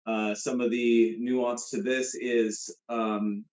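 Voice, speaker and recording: A man's voice: medium pitch, little pitch movement, slow pace, darkish tone, roomy sound. A man hosting a casual comedy trivia game, rambling with many fillers and restarts. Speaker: host. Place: room with a guest beside him.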